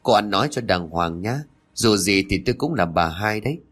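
A man voicing a meek young second wife in a spoken story, soft and polite. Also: fairly low pitch, animated, normal speed. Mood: resigned.

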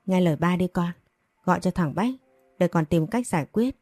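A woman reading the lines of a gentle, caring middle-aged mother in a storybook narration, in a soothing manner. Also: fairly low pitch, normal speed, dry recording, soft background music, natural voice. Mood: gentle concern.

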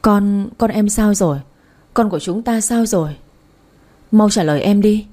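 A woman's voice: mid-range voice, moderate pace, mellow, natural voice. A woman reading the part of a heartbroken young wife who has just lost her baby, speaking tearfully in a storybook narration. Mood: frantic. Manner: tearful, pleading.

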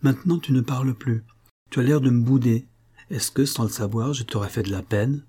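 A man voicing a kind young invalid lady who speaks softly and coaxingly. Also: mid-range voice, a little fast, slightly rough, close to an everyday voice. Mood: gentle. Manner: soft, coaxing.

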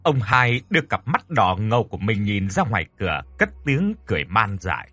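A male storyteller reads a horror tale with a lively, swinging delivery. His voice is bright and husky, recorded close and completely dry. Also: lowish voice, brisk, no echo, soft background music. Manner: expressive, dramatic. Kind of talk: dramatic horror story narration.

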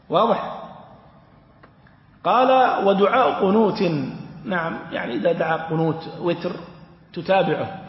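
A man from Yemen teaching a religious lesson, explaining a text step by step, asking rhetorical questions and repeating key phrases. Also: high voice. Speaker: sheikh teaching a study circle. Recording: echoey lo-fi hall recording.

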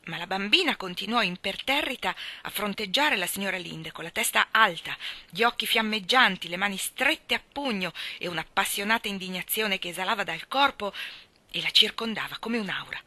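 A woman reading a classic children's novel aloud, in a lively, dramatic style of narration. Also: medium pitch, moderate pace, dry recording. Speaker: audiobook reader. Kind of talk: expressive storybook reading.

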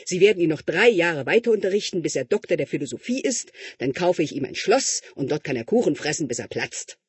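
A man's voice: on the high side, big pitch swings, brisk, breathy edge, no room sound, exaggerated voice. Man doing a stern, blunt old king. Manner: stern, loud, curt.

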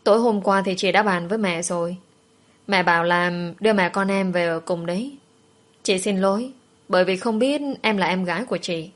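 A woman's voice: medium pitch, normal speed, close to an everyday voice. A woman voicing a young half-sister who speaks in an overly friendly, put-on way. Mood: sugary.

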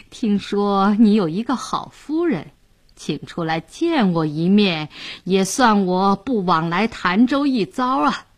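A boozy, boastful young official who drags out every word and leers through his slurred speech, his voice rising loud and swinging wildly in pitch, as a woman storyteller puts him on. There is a husky edge to the tone. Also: lively intonation, full character voice. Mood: blustering, sly. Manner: slurred, leering, drawn-out. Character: drunken lecherous young male official, boastful.

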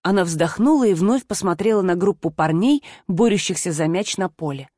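A woman narrating a first-person audiobook in an expressive voice, acting out the dialogue. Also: fairly low pitch, moderate pace, dry recording, studio quality.

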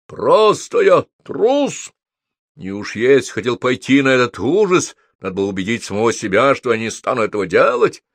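A man doing a shouting cowardly wizard. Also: medium pitch, big pitch swings, moderate pace, no echo. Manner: shouting, commanding. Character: vain, cowardly young male wizard.

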